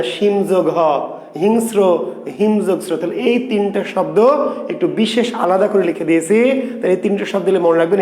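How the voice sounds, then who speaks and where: A man's voice: high-pitched, dark tone, reverberant. A man teaching grammar, playful and teasing, quizzing students by name. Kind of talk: online grammar lesson.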